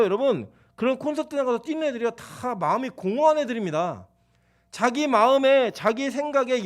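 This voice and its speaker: Male pastor, high and lively voice, chatty preaching style with acted-out quotes. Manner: animated, conversational preaching with playful acted-out quotes. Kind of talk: sermon.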